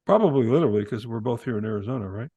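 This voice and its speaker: Lively, jokey man co-hosting a podcast. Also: mid-range voice, rapid-fire, breathy edge, dry recording, lo-fi sound. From Italian-American. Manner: animated, jokey, reads quotes aloud. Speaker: podcast co-host. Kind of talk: casual political talk. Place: Arizona.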